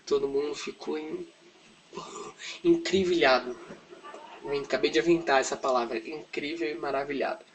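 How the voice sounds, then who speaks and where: A man's voice: on the high side, moderate pace, long pauses, slight background noise, low-quality recording. Chatty man teaching kids. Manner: chatty, often adds "né", acts out quotes lightly. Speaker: children's Sunday school teacher. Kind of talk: casual Bible story lesson for kids.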